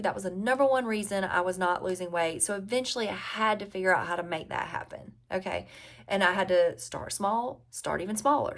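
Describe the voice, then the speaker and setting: A woman in her forties with a Southern US drawl, giving casual, conversational advice as a health coach and repeating key phrases for emphasis. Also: mid-range voice. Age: 40s. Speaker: health and weight-loss coach. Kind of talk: casual advice talk to viewers.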